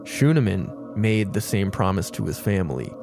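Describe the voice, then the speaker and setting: Man, podcast co-host, lively swooping pitch, giggly casual banter, faint music behind. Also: moderate pace, vocal fry. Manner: laughs often, animated banter. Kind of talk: casual chat with read-out story passages.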